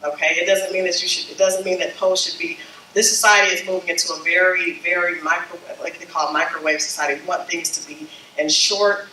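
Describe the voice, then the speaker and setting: A woman's lowish, slightly flu-scratchy voice comes across flat yet bright and forceful as she speaks fairly quickly. She is a branding consultant giving a workshop to a few church leaders in a meeting room, frequently tossing in "okay?" and "you know?". A distant mic picks up a reverberant sound.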